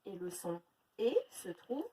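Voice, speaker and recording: A woman teaching a phonics lesson to young children, sounding out words slowly syllable by syllable. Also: medium pitch, animated, warm tone, recorded from a distance, low-quality recording. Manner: slow, exaggerated syllable-by-syllable pronunciation. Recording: faint noise, voice a little off-mic.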